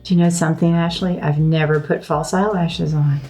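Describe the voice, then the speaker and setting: A woman's voice: sits low, fairly even intonation, moderate pace, darkish tone, soft background music. An older woman with a Texas accent, chatting casually in a laid-back, good-humored way while getting her makeup done. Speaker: makeup client, host's mother. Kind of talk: casual chat.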